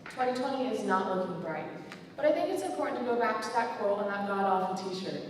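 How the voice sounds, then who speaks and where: A woman's voice: medium pitch, lively intonation, brisk, a little hiss or hum. Teen girl, joking graduation speaker with a put-on British accent, heard far off in a hall with long reverb. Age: teens. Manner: playful, self-mocking British put-on accent. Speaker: student speaker. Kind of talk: graduation speech.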